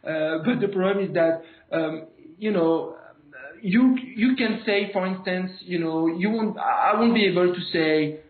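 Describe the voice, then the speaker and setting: A man from France with a French accent, a native French speaker, speaking haltingly and searching for words as an interview guest. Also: sits high. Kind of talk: conversational political interview. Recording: phone-like, thin, echoey line.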